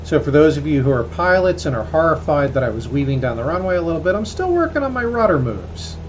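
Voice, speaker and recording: A man's voice: on the high side, sing-song, quick pace. A man flying a small plane, heard through a cockpit headset, thinking aloud in a hesitant, self-deprecating way between radio calls to air traffic control. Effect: heard through a cockpit headset intercom. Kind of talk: casual vlog narration mixed with radio calls. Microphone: aviation headset mic. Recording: muffled cockpit audio with faint engine hum.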